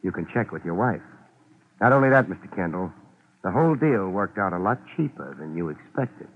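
An actor playing a tough, wry private detective in an old radio crime drama, talking in a terse, dryly sardonic way. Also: male voice, low-pitched, expressive, brisk. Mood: wry, needling. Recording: muffled, narrow-band old radio recording with hiss.

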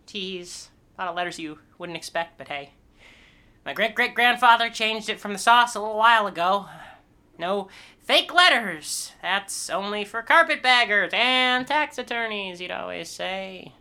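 A woman's voice: medium pitch, lively intonation, moderate pace, sharp tone, clear, resonant tone. Brief: woman doing an awkward, self-deprecating young guy in improv. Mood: wry. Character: awkward young man explaining his odd name. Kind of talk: improvised comedy scene.

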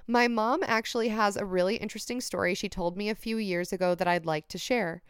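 Clear-voiced hungover woman podcast host. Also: mid-range voice, steady tone, fairly quick, no room sound, clean studio sound. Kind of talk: casual chat, reading listener emails aloud.

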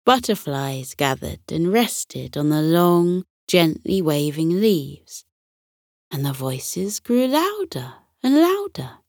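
A woman tells a bedtime story for children in a gentle, soothing way. She reads very slowly with a lively, expressive melody. Her voice sits a little low and sounds close and dry. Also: no room sound.

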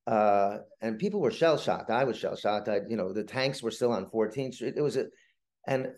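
In an interview, this middle-aged male playwright tells stories in a rambling, stop-start conversational style, repeating words often. His voice leans low and is slightly mellow.

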